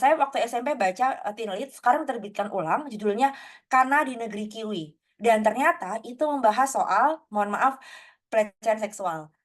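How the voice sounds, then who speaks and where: Chatty young woman, slightly high. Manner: chatty, many fillers, acts out quotes. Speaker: guest speaker. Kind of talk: casual online talk.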